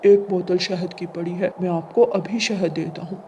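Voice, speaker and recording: A woman's voice: lowish voice, steady tone, normal speed, a little mellow, dull audio, slight background noise, voice pushed down, close to an everyday voice. A woman voicing a kind, helpful male pigeon in a cartoon, friendly and obliging.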